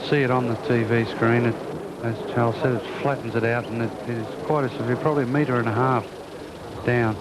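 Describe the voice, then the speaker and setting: A man's voice: medium pitch, steady tone, fairly quick. A man working as a golf commentator, describing play live on television. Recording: loud outdoor ambient noise.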